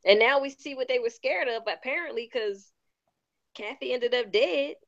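A woman with a Baltimore accent, co-hosting a podcast in casual, animated chat. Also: high-pitched, moderate pace, dull audio. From Baltimore, USA. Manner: animated, exclaims and voices her own reactions. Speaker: podcast co-host.

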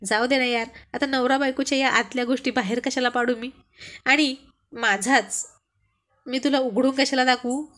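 A woman's voice: sits high, fairly even intonation, normal speed, a bit bright. Woman reading as a teasing young husband. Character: teasing young married man, a close friend.

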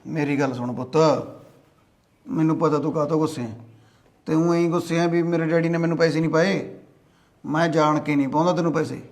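A man as a gravelly, lecturing father. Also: fairly high pitch, fairly even intonation, a little fast, long pauses, a little mellow, natural voice. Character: middle-aged father, gruff but indulgent. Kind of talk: short film acting.

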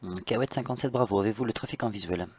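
A man giving procedural radio instructions as a tower controller in a flight simulation, with halting phrasing. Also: fairly low pitch. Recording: slightly dull lo-fi voice-chat audio.

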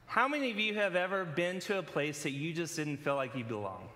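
A man from California preaching a casual sermon with a personal story, relaxed and conversational with many fillers. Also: fairly high pitch, a little fast, background noise. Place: church sanctuary. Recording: long hall reverb.

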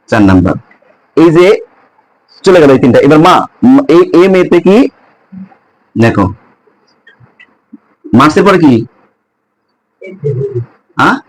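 A man's voice: a little high, rough recording. Man teaching English month names to students. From Bangladesh. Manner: asks students questions and repeats each word slowly. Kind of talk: spoken English pronunciation lesson to students.

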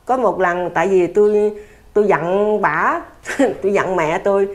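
An older woman speaks at a medium pitch and an unhurried pace, her accent Southern Vietnamese. As an interviewee, she tells a story in casual conversation, plain-spoken and earnest, often repeating herself.

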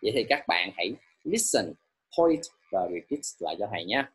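A young man teaching an English lesson to primary pupils, explaining in Vietnamese and slowly repeating English example words. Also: fairly low pitch, big pitch swings, husky, low-quality recording.

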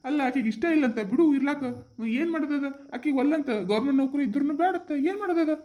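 A performer voicing a calm, kindly village father who sides with his daughter, in a North Karnataka Kannada accent. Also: mid-range voice, brisk, pitched below the performer's own voice, lightly acted. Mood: soothing. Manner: soothing, reasonable. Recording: roomy echo.

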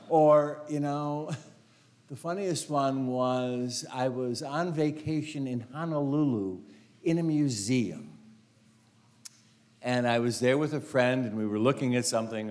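An older priest with a medium-pitched, slightly mellow voice gives a conversational homily in a large carpeted church sanctuary, wearing a lapel mic as he walks in front of the altar. He tells lots of anecdotes in a chatty way, says "you know" often and laughs easily.

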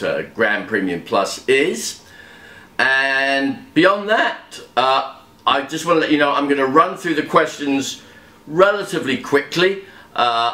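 A man's voice: medium pitch, sharp tone. A man hosting a quiz, reading out the questions with chatty, wry asides between them. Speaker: quiz host. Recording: echoey room.

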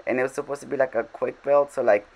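A man's voice: medium pitch, steady tone, quick pace, gravelly, darkish tone, rough recording. A man giving casual, rambling commentary over his game, full of fillers and self-deprecating asides. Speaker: game vlogger.

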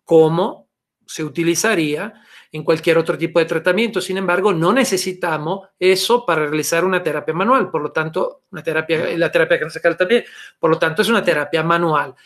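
Over a webcam call, a middle-aged man from Italy, Italian by first language, delivers a webinar lecture in Spanish as a therapy instructor. His voice is notably high and a bit bright. His explanations are patient and steady, dotted with small "eh" fillers and "¿ok?" check-ins.

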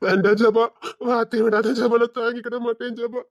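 A young man pleads over and over in an audio drama, close to tears and begging not to be turned away, as a woman acts him out. The voice sits slightly high and sounds dry and close. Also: brisk, dry recording, lightly acted. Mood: pleading. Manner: pleading, crying.

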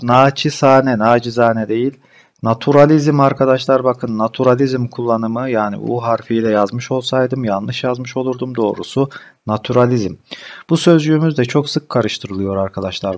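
A man teaching a spelling lesson, briskly correcting common misspellings word by word. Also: medium pitch. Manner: addresses students as friends, brisk corrective explanations.

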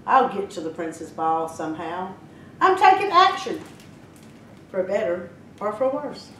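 A woman's voice: expressive, moderate pace, close to an everyday voice. A woman voicing a determined young skeleton heroine from a storybook, speaking resolutely. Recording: roomy echo, mic at a distance, faint rumble.

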